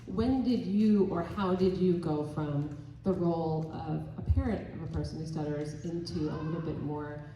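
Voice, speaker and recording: A woman's voice: low-pitched, steady tone, normal speed, few pauses, dark tone, slight background noise. Tearful woman moderating a panel. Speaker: panel facilitator. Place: convention hall stage. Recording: echoey hall, voice far from mic.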